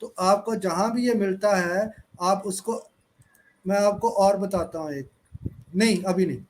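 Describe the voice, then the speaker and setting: A man teaching English in an online class, speaking slowly and spelling out words letter by letter. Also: high-pitched, darkish tone, slight background noise. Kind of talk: online class lecture mixing Hindi and English.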